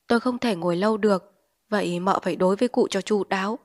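A woman's voice: medium pitch, fast, lightly acted. A woman reading an audiobook, voicing a desperate male opium addict in withdrawal who whines and begs. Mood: anxious. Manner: whining, pleading, frantic.

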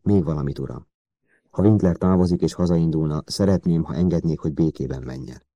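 Guy reading a calm measured spy officer, deep dark voice, dry, audiobook. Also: dry recording, dull audio. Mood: firm.

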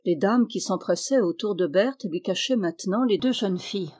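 A woman narrating a classic novel as an audiobook reader, with an even, measured reading. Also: medium pitch.

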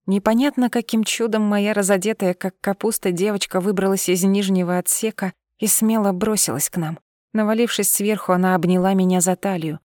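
A woman reading a first-person audiobook in a steady, expressive voice. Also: medium pitch, a little fast, dry recording, clean studio sound. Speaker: audiobook narrator.

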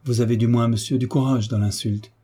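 A man's voice: medium pitch, normal speed, mellow, slightly rough, close to an everyday voice. A man voicing a proud, indignant young woman in an audiobook.

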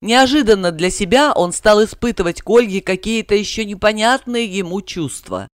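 Lively woman narrating an audiobook. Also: medium pitch, normal speed, no room sound, studio quality. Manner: lively, dramatic reading.

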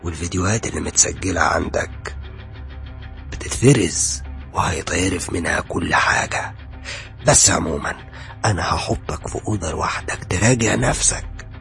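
An actor playing a menacing police interrogator who taunts and threatens a suspect in an audio drama. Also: male voice, deep voice, gravelly, heavily acted. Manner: taunting, sarcastic, sudden shouts. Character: menacing male police interrogator, mocking and cold. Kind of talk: audio horror drama acting.

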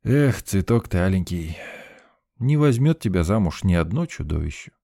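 A man's voice: low-pitched, big pitch swings, normal speed, vocal fry, warm tone, dry recording, full character voice. A male reader voicing a young male student who teases in a mock-serious way, close to his own voice. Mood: teasing. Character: joking young male student, teasing and sly.

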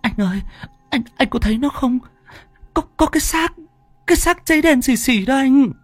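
A man voicing a terrified young woman who pleads in a shrill, stammering voice in a spoken horror story. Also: lively intonation, normal speed, no room sound, faint music behind.

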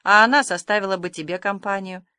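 Lady reading as a shy old farmer guy, soft and mumbly, kinda halting. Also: medium pitch, clean tone, no room sound, studio quality, lightly acted. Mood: gentle. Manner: hesitant, mumbling, soft-spoken. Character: shy, gentle older male farmer.

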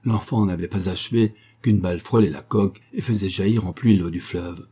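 A man narrating an adventure audiobook with a steady, dramatic reading. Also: deep voice, fairly quick, slightly rough.

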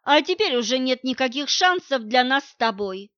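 A woman's voice: a little high, measured pace, fairly bright tone, dry recording. A woman reading an audiobook, voicing a man who scornfully and coldly rejects his partner in a harsh, cutting way. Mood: angry scorn. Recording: dull lo-fi recording.

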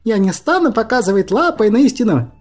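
Sykoh, a man voicing a shrill swamp dragon. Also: very animated, a little fast, faint music behind. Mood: mocking. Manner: shrill, mocking, defiant. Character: small proud swamp water dragon, cheeky and bold. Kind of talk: audiobook character voice.

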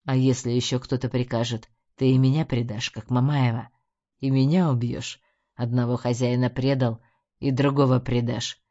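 A woman voicing a cruel, mocking middle-aged male crime boss in an audiobook, speaking in a slow, low sneer. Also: little pitch movement, mellow. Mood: menacing, mocking. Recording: dull lo-fi recording.

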